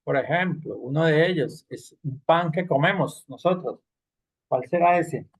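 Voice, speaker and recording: A male English teacher runs an online language class in a slightly high, gravelly voice at a measured pace. He explains things step by step and keeps checking in with students using frequent little tag questions.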